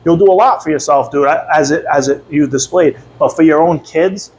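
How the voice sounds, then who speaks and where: A young man hosts a relaxed podcast conversation in a slightly raised voice. He talks loosely, calling his guest bro and dude. A faint hiss sits under the recording. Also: on the high side, moderate pace, low-quality recording. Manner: loose slangy talk, says bro and dude a lot. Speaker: podcast host.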